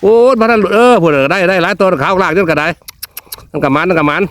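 A man's voice: high-pitched, fast, a bit bright. A man with a northeastern Thai accent giving exclamatory outdoor vlog commentary, repeating short phrases as he goes. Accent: northeastern Thai (Isan). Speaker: vlog host. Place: outdoors in the countryside.

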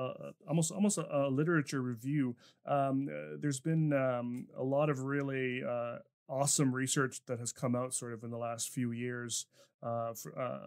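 A man's voice: mid-range voice, smooth. A man hosting a podcast interview, talking casually with many fillers and restarts. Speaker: podcast host.

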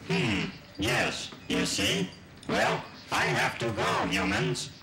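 A man voicing a boastful, stubborn robot machine in a stiff, deliberate robotic voice for a children's puppet sketch. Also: on the low side, vocal fry, reverberant, a crowd in the background.

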